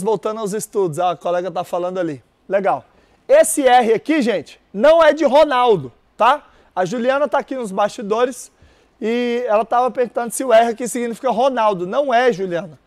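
Male teacher with a very high voice, energetic lecturer who keeps quizzing the room. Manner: energetic, repeats key words, quizzes audience. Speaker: exam prep teacher. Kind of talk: live-streamed lecture with call-and-response.

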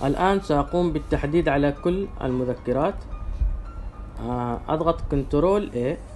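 A man presenting a step-by-step software demonstration in a halting, instructional way. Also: a little high, faint music behind. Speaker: tutorial presenter.

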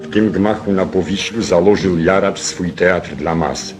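Old 1940s newsreel narrator, male, very low-pitched, solemn and measured, music bed underneath.

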